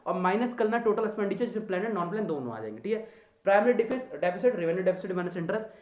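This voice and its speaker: A man's voice: sits high, expressive, very fast, a little mellow, roomy sound. A young man teaching economics to exam students in a chatty, teasing lecture style. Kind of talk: casual Hindi lecture.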